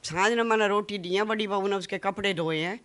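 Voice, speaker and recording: A mother with a Haryanvi accent pleads her side of a family dispute during a local news interview with her son. Her voice is mid-range with a fairly bright tone. She speaks rapidly, and her emotional account is full of remembered dialogue.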